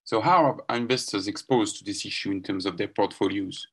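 A man's voice: lowish voice, a little fast, a bit bright, husky. A man hosting a podcast interview, introducing and asking questions in a scripted style. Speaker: podcast host.

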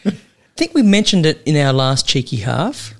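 A podcast co-host, a man with a voice pitched a little above the usual, talks in a relaxed, wry way while tasting wine with a friend. He laughs easily and keeps the chat light. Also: moderate pace. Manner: wry, chatty, laughs often.

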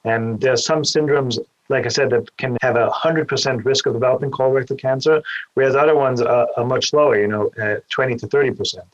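On a lo-fi recording, an Austrian man appearing as a guest surgeon explains things carefully in an interview, tending to repeat a little word at the start of each point. His medium-pitched voice is steady and a bit fast.

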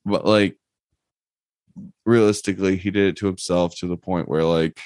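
A man's voice: deep voice, moderate pace, dry recording. A young man in casual podcast chat, swearing freely and telling stories with animation. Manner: profane, animated storytelling.

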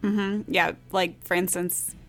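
Female American podcast co-host, lowish voice with vocal fry, casual banter. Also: fairly even intonation, slow, soft background music. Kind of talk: casual co-hosted podcast chat.

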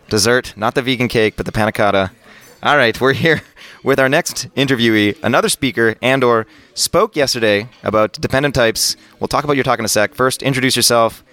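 A man's voice: mid-range voice, fairly bright tone. A man hosting a podcast, interviewing people live at a conference in an upbeat way, often repeating words. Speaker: podcast host. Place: busy conference venue.

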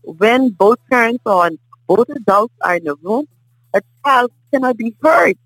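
A middle-aged woman from the Bahamas with a Bahamian accent, a guest in a casual table conversation, telling stories in a lively way and often asking "you understand?". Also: on the high side, normal speed, no echo, faint music behind, poor audio. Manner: animated storyteller, often asks "you understand?".

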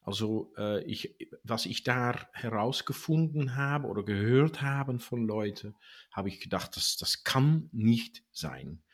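A man in his sixties from the Netherlands speaking German with a Dutch accent, answering interview questions haltingly with many fillers. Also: medium pitch, animated. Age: 60s. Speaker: guest.

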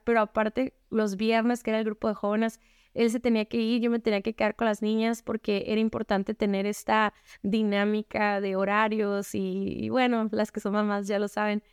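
A woman's voice: mid-range voice, smooth, no room sound, studio quality. A woman giving a candid personal faith testimony to other women, conversational and frank. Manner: conversational, frequent rhetorical "¿no?". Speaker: speaker sharing a faith testimony.

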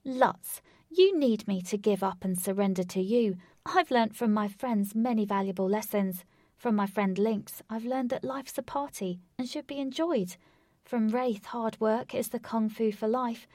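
A woman's voice: fairly high pitch, measured pace, dark tone, no echo, studio quality. A woman voicing a defiant, brave young girl heroine in a storybook reading. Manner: defiant, spirited, raised voice.

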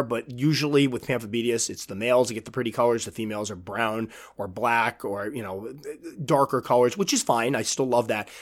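A man with whistling, sibilant S sounds, hosting a casual enthusiast countdown and telling stories in an animated way, acting out quoted reactions. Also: mid-range voice. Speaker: host, tarantula keeper.

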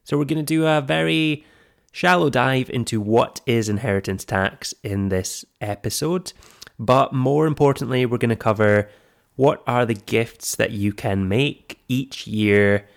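A man with a croaky, froggy voice, hoarse from flu, presenting a podcast in a semi-scripted, explanatory way. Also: mid-range voice, measured pace. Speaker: podcast host. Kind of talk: scripted personal finance podcast narration.

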